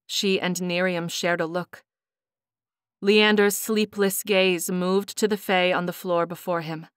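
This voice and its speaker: A woman narrating a fantasy audiobook in a measured, dramatic storytelling manner. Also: fairly low pitch, no room sound, studio quality.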